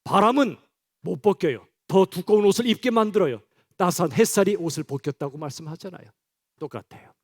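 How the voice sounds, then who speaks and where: Male pastor, higher-pitched voice, preaching to his congregation in a direct, chatty way. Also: animated, brisk. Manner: direct, conversational address to the congregation. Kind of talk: sermon. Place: church.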